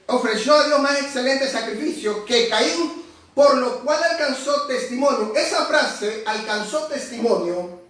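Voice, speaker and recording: A man's voice: very high voice, fairly bright tone. A man preaching a sermon, explaining the words of a passage one by one and calling his listeners "brother". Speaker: pastor. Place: church hall. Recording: very echoey hall, far from the mic.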